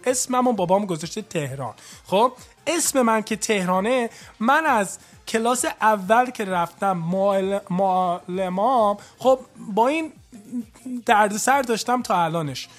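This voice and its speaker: A man from Iran hosting a call-in radio show, chatting loosely and dropping English phrases into his talk. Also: high voice.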